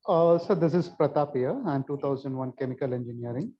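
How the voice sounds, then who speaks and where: The sound is a bit dull and lo-fi. A man with an Indian accent and a medium-pitched voice puts a question to a speaker as an audience member. He goes about it haltingly. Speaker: audience member, business owner. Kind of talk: asking a question at a talk. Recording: dull, muffled audio.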